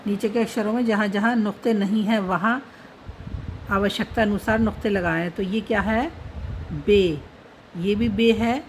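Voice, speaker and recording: A woman's voice: mid-range voice, fairly even intonation, normal speed, a little hiss or hum, low-quality recording. A woman teaching how to write Urdu letters, patiently naming each letter and dot as she writes. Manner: patient, repeats letter names while writing. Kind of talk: slow step-by-step writing lesson.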